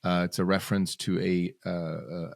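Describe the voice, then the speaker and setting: A Swiss man with a deep, creaky voice speaks at a moderate pace with a flat delivery, recorded dry in clean studio sound. As a podcast guest in a casual storytelling interview, he tells his story in bursts, with sudden rises and restarted phrases.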